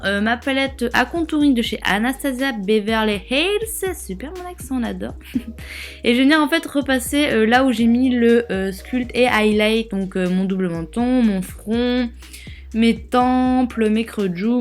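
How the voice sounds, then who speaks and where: A young woman with a slightly high voice talks through a makeup tutorial in a loose, chatty way, full of fillers and little asides. Faint music plays underneath her voice. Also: moderate pace. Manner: casual, rambling, lots of fillers and asides. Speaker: beauty vlogger.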